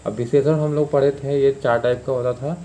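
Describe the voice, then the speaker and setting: A man's voice: mid-range voice, steady tone, brisk, dark tone, a little hiss or hum. Casual male teacher explaining grammar. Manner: informal, repetitive explaining with many fillers and "ठीक है". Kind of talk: exam-prep grammar lesson.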